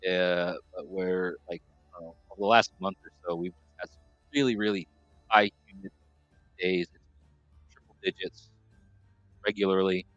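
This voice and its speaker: Casting note: lower-pitched New man with a forceful, bright edge, chatty stream host who rambles and restarts, dry muffled home mic. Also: no echo. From New York, USA. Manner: rambling, self-correcting. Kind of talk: casual chat reading viewer comments.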